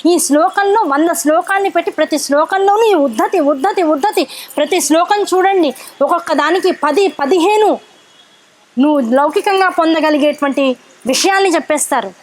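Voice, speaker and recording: A woman giving a devotional discourse who chants Sanskrit verses slowly, then explains them in lively conversational speech with rhetorical questions to the listeners. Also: very high voice. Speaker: religious discourse speaker.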